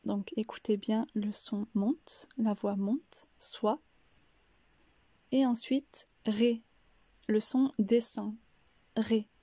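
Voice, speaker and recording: A woman giving a careful pronunciation lesson, breaking each word into syllables in a soft, breathy delivery. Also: mid-range voice, fairly even intonation, slow, hardly any pauses, no room sound. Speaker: French pronunciation teacher.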